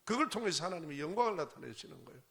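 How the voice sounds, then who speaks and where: A man's voice: a little high, very animated, rapid-fire, gravelly, pushed and bright. A man pastor preaching a sermon in a church, emphatic and repetitive, with many rhetorical questions. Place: church sanctuary.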